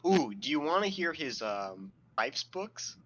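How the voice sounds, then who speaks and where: Bright, sardonic man reading quotes aloud. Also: mid-range voice, big pitch swings, unhurried, lo-fi sound, slight background noise. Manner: reads quotes aloud, laughing often. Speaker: podcast co-host. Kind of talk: casual podcast chat.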